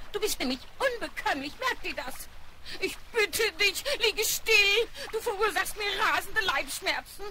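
A woman's voice: extremely high pitch, bright, forceful tone, a little hiss or hum, full character voice. A woman voicing a fussy fish with a stomach ache in a 1970s radio play, scolding and complaining. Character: grumpy fussy fish with a bellyache.

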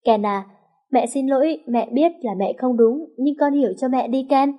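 A woman's voice: high-pitched, normal speed, lo-fi sound, natural voice. A scheming estranged mother, as a woman puts her on. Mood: pleading. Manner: pleading, then sly and threatening.

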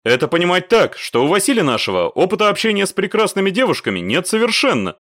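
A man's voice: sits high, sing-song, fast talker, fairly bright tone, dry recording, clean studio sound, pitched above the performer's own voice, heavily acted. A man voicing a cocky, mocking young male soldier in an audiobook. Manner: teasing, smirking.

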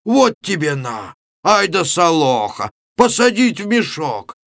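A man reading aloud and voicing a gruff, boisterous middle-aged Cossack villager who exclaims loudly. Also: fairly high pitch, very animated, slow, dry recording, studio quality, voice pushed up, full character voice. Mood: blustering. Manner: loud exclaiming, blustering.

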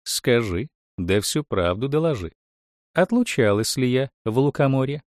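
A man's voice: medium pitch, expressive, unhurried, no room sound, studio quality, lightly acted. A man voicing a haughty, vain tsarina who gives commands in an imperious, grand manner.

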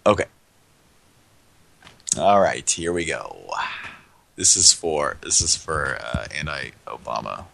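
A male host with a very low voice and a gravelly fry, leaning back and rambling through a live call-in show. He drifts in and out with fillers and small laughs, never hurried. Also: expressive, fairly bright tone. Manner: laid-back, chuckling, trails off with fillers. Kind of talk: casual live prank-call show chat.

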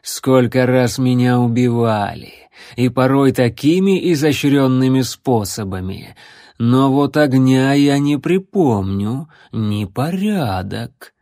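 A man doing a slow, mocking necromancer. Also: medium pitch, mellow, dry recording, clean studio sound. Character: smug, sarcastic immortal male necromancer. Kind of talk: audiobook character voice.

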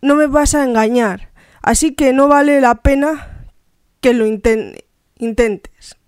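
A bullying, sarcastic police officer interrogating a suspect, as a woman reads his lines. The voice is high-set, slow and very clear, recorded close and dry. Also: a little mellow, no room sound. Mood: menacing. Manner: menacing interrogation.

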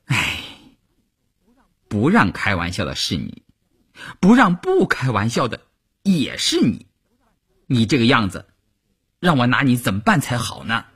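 A man's voice: sits high, sing-song, unhurried, long pauses, slightly rough, pitched above the performer's own voice, heavily acted. A man voicing a teenage girl soldier who teases a friend and then pleads, in a raised voice for an audiobook. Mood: pleading. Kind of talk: audiobook character voice.

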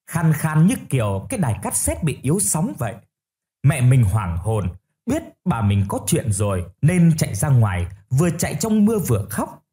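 A man narrating a first-person ghost story in a steady storytelling manner. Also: medium pitch.

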